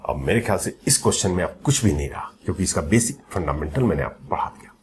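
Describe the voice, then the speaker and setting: A man teaching maths in a recorded coaching lecture, chatty and lively, asking the class questions and joking, mixing Hindi with English terms. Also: low voice, quick pace, slight background noise. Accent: Hindi-English code-mixing.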